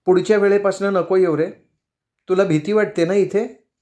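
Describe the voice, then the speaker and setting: A man's voice: high voice, steady tone, normal speed, a little mellow, voice pushed up, natural voice. A man reading the lines of a bold, wary middle-aged woman in a storybook, with a slightly raised voice. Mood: firm.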